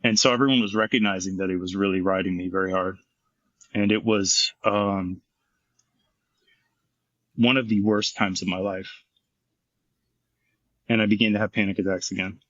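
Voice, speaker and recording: Frank low-voiced man telling his story. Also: steady tone, moderate pace, pauses often, a bit bright, no echo, muffled recording. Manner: frank, intense, swears freely. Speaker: guest, former firefighter and paramedic. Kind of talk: candid storytelling interview.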